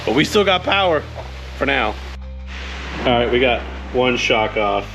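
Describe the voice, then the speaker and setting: A man's voice: mid-range voice, very animated, a little slow, over music, low-quality recording. A man narrating casual hands-on work in a wry, tongue-in-cheek way, speaking during a thunderstorm. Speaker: host of a DIY motorcycle garage video. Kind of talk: casual how-to narration while working. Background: rain and thunder of a storm.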